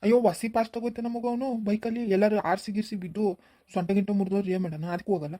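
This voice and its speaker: A woman's voice: medium pitch, fairly even intonation, dark tone, pitched below the performer's own voice, natural voice. A woman doing a grumpy coughing old village grandpa. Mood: grumbling, scolding. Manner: scolding, rapid, grumbling.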